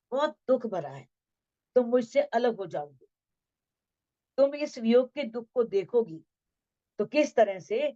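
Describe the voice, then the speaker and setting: A woman giving a devotional talk on scripture, chanting verses slowly and then explaining them in plain speech. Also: medium pitch, dark tone, no echo. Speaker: scripture teacher. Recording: dull lo-fi sound.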